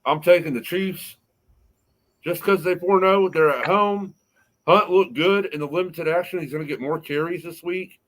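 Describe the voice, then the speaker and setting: A man's voice: on the high side, normal speed, fairly bright tone, poor audio. A man hosting a casual sports podcast, rambling through picks and a story while laughing often. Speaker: podcast host.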